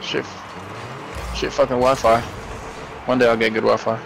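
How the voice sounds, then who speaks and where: A man's voice: medium pitch, little pitch movement, moderate pace, gravelly, music in the background. A man chatting casually as he plays a video game, in a hyped gamer-bro manner, slangy and swearing often. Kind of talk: casual gaming chat with a friend.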